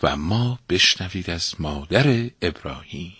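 Male folktale narrator, low husky voice, lively, dry close sound. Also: dry recording. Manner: animated, expressive storytelling. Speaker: storyteller.

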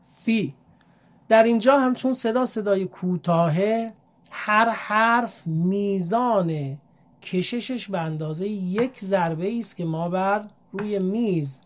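A woman teaching Arabic vowel sounds, speaking slowly and politely, with Persian as her first language, repeating letter sounds clearly. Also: lowish voice, darkish tone. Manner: slow, careful, polite teaching with drawn-out repetition of letter sounds. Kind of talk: recorded lesson.

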